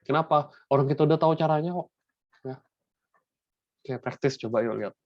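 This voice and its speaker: A man's voice: on the high side, brisk, no room sound. A young man with an Indonesian accent teaching a maths lesson in a casual, chatty way, often checking that students follow. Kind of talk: classroom lesson mixing Indonesian and English. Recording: dull, dry sound.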